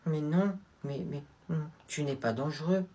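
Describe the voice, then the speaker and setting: A man voicing a timid anime-style schoolgirl in a comedy sketch, soft and stammering. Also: fairly high pitch, unhurried. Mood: hesitant.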